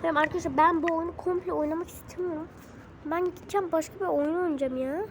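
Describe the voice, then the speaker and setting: A woman with a high voice talks her viewers through phone games, musing aloud and exclaiming at each setback. There is clear background noise behind her. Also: steady tone, fast. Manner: exclaiming, thinking out loud, easily frustrated. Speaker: vlogger playing phone games. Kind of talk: casual gaming chatter to viewers. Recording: noisy background ambience.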